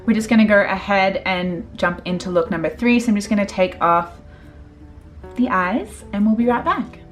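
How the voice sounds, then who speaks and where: A woman's voice: medium pitch, normal speed, faint music behind. A woman, a makeup artist chatting casually through a tutorial with lots of fillers. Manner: chatty, filler-heavy, relaxed.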